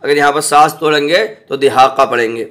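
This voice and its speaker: A man teaching Quran recitation, spelling out each word slowly and repeating it, often checking that the listener understands. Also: on the high side, a bit bright. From South Asia. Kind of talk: slow spelled-out recitation lesson.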